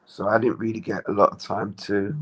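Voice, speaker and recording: A man from Jamaica, giving measured, plain-spoken answers as an interview guest. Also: fairly low pitch, little pitch movement, slightly rough, poor audio.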